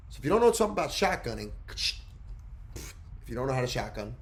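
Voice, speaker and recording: A man's voice: mid-range voice, very animated, fast, slight background noise. A man of twenty-five co-hosting a casual podcast, telling loose stories and repeating his phrases for emphasis. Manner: rambling storyteller who repeats phrases. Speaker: podcast co-host.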